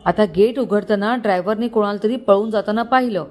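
A woman voicing a drunk, furious rich young man who shouts and curses at his servants in a storybook reading. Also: mid-range voice, a little fast, natural voice. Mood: agitated. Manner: shouting, abusive.

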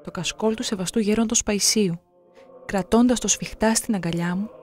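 A narrator reading scripted documentary passages in a measured, solemn way. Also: medium pitch, darkish tone, faint music behind.

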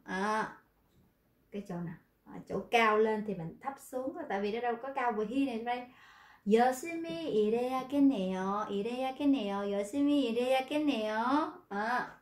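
Speaking Vietnamese, a woman with a slightly high voice teaches Korean pronunciation in an online class recorded in an echoey room. She's lively, explaining points and then reading model sentences slowly.

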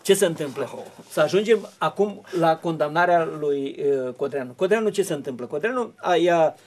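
A man speaks on a television studio discussion. He explains history in long, winding sentences with frequent hesitations and restarts. His voice sits somewhat high for a man. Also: expressive, darkish tone. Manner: long rambling explanations with many fillers and restarts.

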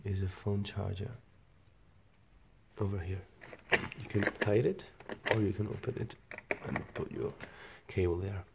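Deep gravelly man giving a casual tour. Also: a little slow, very noisy. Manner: relaxed, pointing out features one by one. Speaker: property tour guide. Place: furnished apartment indoors.

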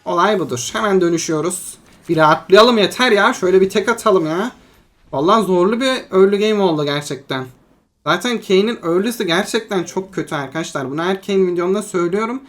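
Young adult gamer, excitable commentary, mid-pitched voice, chatty, sudden shouts. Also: a little fast. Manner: excitable, bursts into yelps and shouting in tense fights; chatty, addresses viewers as friends. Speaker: mobile game content creator. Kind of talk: live gameplay commentary.

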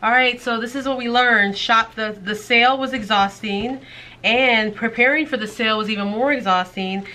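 A woman's voice: a little high, moderate pace, sharp tone. A woman co-hosting a thrift video, chatting casually and joking while packing orders. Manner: joking, laughing, swears casually. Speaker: co-host of a thrift channel.

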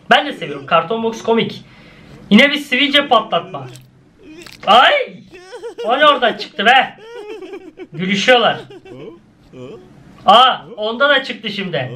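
Bright high-voiced young man reacting. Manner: exclaiming, laughing, swings between high and low. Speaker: YouTuber reacting to cartoons. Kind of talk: casual reaction commentary.

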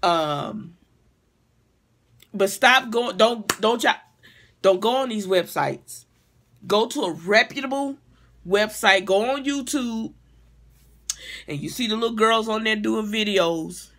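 Speaking slowly with frequent pauses, a middle-aged woman with a medium-pitched, slightly bright voice and lively intonation rants comedically and casually. The vlogger and hair stylist is blunt, profane and exasperated, recorded on a device mic in a small home room.

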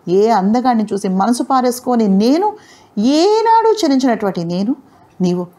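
A fierce young heroine from an audio novel, voiced by a woman reader. She sounds proud and defiant, scolding in heated lines that climb higher in pitch. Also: dark tone, lightly acted. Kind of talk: audio novel character reading.

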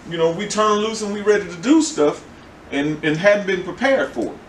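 Older pastor, loose conversational sermon, slightly high voice, echoey church picked up from a distance. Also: male voice, animated, normal speed, slight background noise. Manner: rambling, conversational preaching with repeated words and laughs. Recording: echoey room, from the mic.

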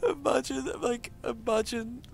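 Gravelly high-voiced man gaming. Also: steady tone, a little slow, a crowd in the background. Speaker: gamer. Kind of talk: casual gaming chat.

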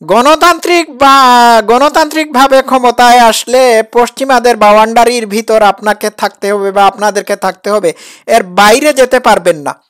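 A woman's voice: a little high, normal speed. A woman comments on a played clip. She talks in a sarcastic, needling way, pressing her target with pointed questions. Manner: mocking, sarcastic, challenging. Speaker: critic reacting to a preacher's clip. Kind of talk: reaction commentary.

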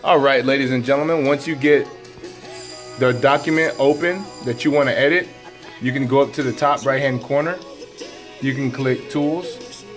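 In a classroom, a middle-aged male teacher walks his fellow staff through a computer program, narrating every click in an upbeat, folksy way. His mid-range voice moves at a normal speed, with faint music playing behind him. It's a casual screen demo for colleagues.

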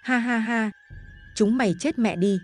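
A woman's voice: mid-range voice, a little slow, a little mellow, natural voice. A woman voicing a greed-crazed young man who laughs maniacally as he kills, in a spoken horror story. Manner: maniacal cackling.

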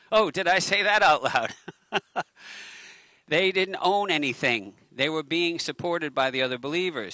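The mid-range, bright, forceful voice belongs to a middle-aged pastor giving a relaxed sermon outdoors. Standing at a lectern on a waterfront lawn with a handheld microphone, he chats along and pokes fun at himself. No echo is present.

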